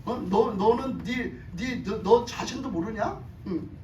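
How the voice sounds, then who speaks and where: A woman's voice: fairly high pitch, takes it slowly, mellow, a little hiss or hum. A woman doing an exasperated old prophet. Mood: scolding. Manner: scolding, incredulous. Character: exasperated elderly male prophet rebuking. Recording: echoey hall from a distant mic.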